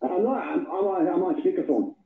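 A male caller from Manitoba, talking on speakerphone over a phone line, eager and chatty and quick to laugh. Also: high-pitched, roomy sound. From Manitoba, Canada. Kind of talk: call-in radio chat.

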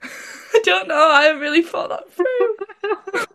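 A woman's voice: very high voice, lively intonation, slow, a bit bright. A teenage girl from Britain chats as an interview guest. She rambles through her answers, full of fillers, and keeps breaking into giggles. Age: teens. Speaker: interview guest, young singer. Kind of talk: casual interview chat.

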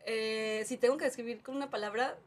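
A woman's voice: on the high side, steady tone, brisk. A woman from Mexico, a podcast guest, easygoing with dry humor in casual chat.

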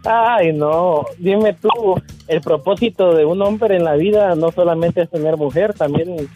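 A man's voice: high-pitched, a little slow, highs cut off, soft background music. Joking male radio co-host. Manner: joking, blunt, loose storytelling. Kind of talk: casual radio banter.

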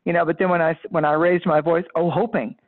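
A woman psychic tells a story as a guest, lively and emphatic, breaking into laughs mid-sentence. Her voice comes through a narrow, tinny phone line. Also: fairly low pitch, a little fast. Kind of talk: animated anecdote-telling in casual chat. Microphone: phone or call line.

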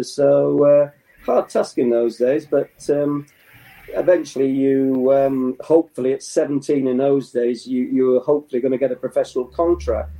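An older man from England, a former footballer being interviewed, reminiscing in a halting way with many restarts and chuckles. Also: medium pitch, dark tone, rough recording.

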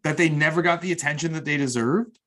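A man hosting a podcast interview, excitably stacking repeated words as he builds his questions. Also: fairly high pitch, fast. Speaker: podcast host. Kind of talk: casual interview chat.

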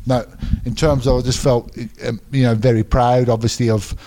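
A man's voice: mid-range voice, level tone, normal speed, mellow. A man with an English accent, co-hosting a casual podcast as a referee, rambling through stories with frequent laughs. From England. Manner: rambling storyteller who laughs often and restarts sentences. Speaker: MMA referee and podcast co-host.

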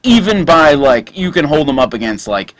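A man co-hosting a casual chat show, joking and animated, with plenty of fillers. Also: fairly high pitch, moderate pace, no echo, rough recording. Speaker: podcast co-host.

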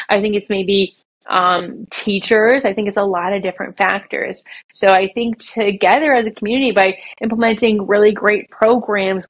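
A woman speaks as a podcast guest, earnest and emphatic, with a mid-range voice. She talks in quick bursts and then slows to stress her points. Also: medium pitch, poor audio. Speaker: guest, children's author and speaker. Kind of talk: podcast interview.

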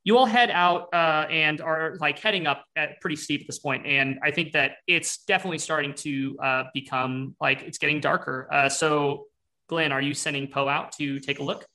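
A man's voice: on the high side, steady tone, moderate pace, bright, forceful tone. A man running a tabletop game as game master, narrating loosely with lots of fillers and restarts.

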